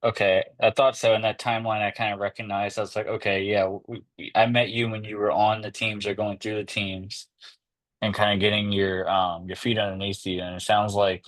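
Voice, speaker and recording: A man hosts a podcast in a low, relaxed voice, easygoing and loose with his words. He keeps it conversational, asking his guest questions over a video call. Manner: relaxed, conversational, drawling "kinda" and "y'all". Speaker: podcast host. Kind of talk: casual podcast interview.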